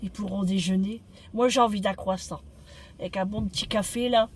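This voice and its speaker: A woman's voice: medium pitch, fairly even intonation, a little fast, husky. A woman vlogging with a cough, chatting casually to viewers outdoors in the wind, with a northern French accent. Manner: chatty, lots of fillers and tag questions. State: sick with a cough. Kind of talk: casual chat to camera. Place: outdoors on a windy street. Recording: noisy outdoor street with passing traffic.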